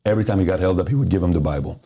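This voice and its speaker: Low, gravelly, and very fast, this middle-aged Iranian man tells motivational stories on a podcast. He acts out the dialogue with lively animation.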